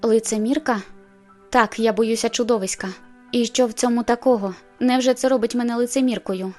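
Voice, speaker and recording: A woman's voice: fairly even intonation, a little fast, a little mellow, soft background music, close to an everyday voice. A woman voicing an anxious, stubborn young woman in an audiobook, hissing and pleading. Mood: defiant. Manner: hissing, whispering, then shrill.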